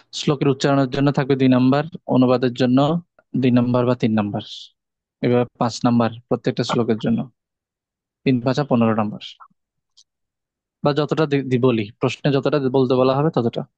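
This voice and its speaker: A man teaching a course, patiently explaining exam rules step by step with pauses and hesitations. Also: mid-range voice, darkish tone, dry recording, highs cut off. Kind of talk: online class instructions.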